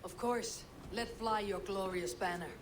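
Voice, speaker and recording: Woman acting resolute Viking chieftain, loud surroundings. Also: medium pitch, fairly even intonation, lightly acted. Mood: commanding. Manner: measured, resolute, commanding. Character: steady Viking warrior chieftain, battle-ready and measured. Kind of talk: video game dramatic acting. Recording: loud wind and game ambience.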